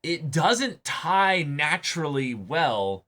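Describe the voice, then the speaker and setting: This man's voice sits on the high side, slow yet very animated and sharp in tone. He hosts a reaction show, chatting casually and emphatically about an anime episode while swearing freely.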